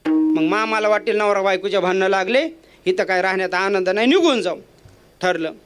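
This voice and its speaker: A man's voice: sits high, fairly quick, soft background music. A man preaching a kirtan sermon, telling a comic household story in a playful, jokey way. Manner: playful, jokey, acts out voices.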